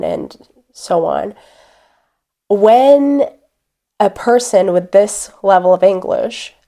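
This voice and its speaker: Deliberate-speaking woman coach. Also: mid-range voice, a little mellow. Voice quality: deliberate, clear pacing with pauses. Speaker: accent coach. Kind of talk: instructional talk to camera.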